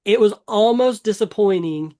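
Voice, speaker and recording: Man, podcast co-host, casual chat, rambling, enthusiastic, somewhat high pitch. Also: normal speed, mellow. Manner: rambling, enthusiastic, many fillers and restarts.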